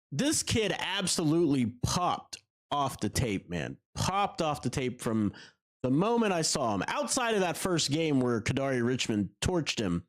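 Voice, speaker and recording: A man hosting a casual basketball podcast chat, animated and quick to laugh, talking in long runs. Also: mid-range voice.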